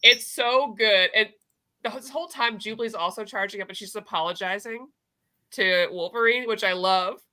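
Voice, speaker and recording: A woman's voice: mid-range voice, moderate pace, bright, forceful tone. A woman chatting casually and gushing as she recaps a comic, often acting out the characters' lines as a co-host. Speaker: co-host of a comic book review show.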